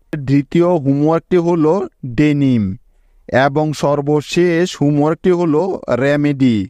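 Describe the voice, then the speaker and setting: A man's voice: fairly high pitch, a little mellow, no echo. A man with a Bangladeshi Bengali accent teaching spelling step by step, patiently asking his pupils questions as he goes. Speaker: English teacher. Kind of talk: slow spelling lesson. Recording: dull, dry lo-fi recording.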